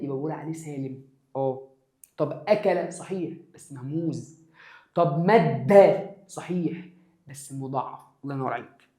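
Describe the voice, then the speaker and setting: A man with an Egyptian accent teaching an exam review lesson, lively, repeating key points and asking and answering his students' questions himself. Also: fairly high pitch. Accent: Egyptian Arabic.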